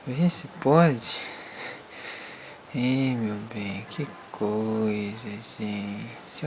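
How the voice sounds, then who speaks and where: A man talking baby talk to his infant daughter, cooing softly and sometimes whispering. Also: mid-range voice, background noise.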